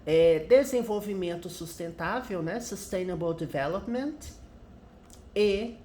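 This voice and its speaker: Woman teacher, unhurried, explains patiently, roomy recording. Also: medium pitch, animated, dark tone, slight background noise. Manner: patient, explanatory, translating word by word. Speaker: English teacher. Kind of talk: commented reading of a news article. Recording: echoey room.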